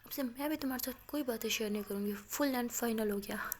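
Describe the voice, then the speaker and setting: Woman telling a story as a pouty college girl, dramatic and bickering, fairly high voice, playful. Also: fast talker, a little hiss or hum, lightly acted. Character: playful young college woman, Aliya, teasing and sulky. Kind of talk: storytelling with acted dialogue.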